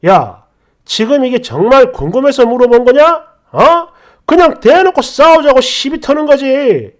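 A woman narrator voicing an irritated husband who snaps loudly and curtly at his wife. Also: high voice, lively intonation, a little slow. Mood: angry. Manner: loud, curt, snapping.

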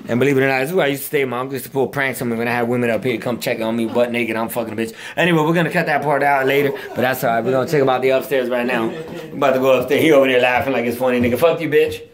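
A young man giving a loose, slangy, swearing walking tour of a house, talking to a handheld phone camera. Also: mid-range voice. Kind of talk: casual, profane walking tour. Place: inside a house, walking room to room.

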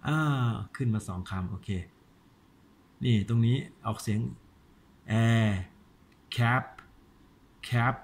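A man, a father giving a casual home-video lesson on English pronunciation, chatting and slowing down to sound out words. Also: on the low side, mellow, slight background noise.

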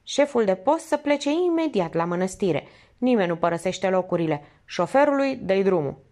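Firm young woman investigator, brisk and commanding, read by a narrator. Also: medium pitch, very animated, darkish tone, close to an everyday voice.

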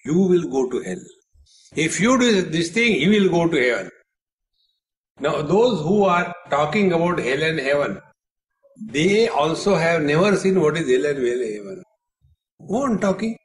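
Slow-speaking man giving a spiritual talk. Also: fairly high pitch, very animated, slight background noise. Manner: humorous storytelling with acted dialogue. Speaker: spiritual teacher. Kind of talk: spiritual discourse. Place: retreat hall with audience.

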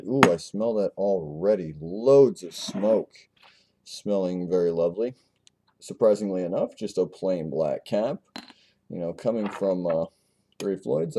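A man's voice: low-pitched, moderate pace, gravelly, mellow, a little hiss or hum. A man hosting a casual beer review video, talking in a rambling way and stumbling over his words.

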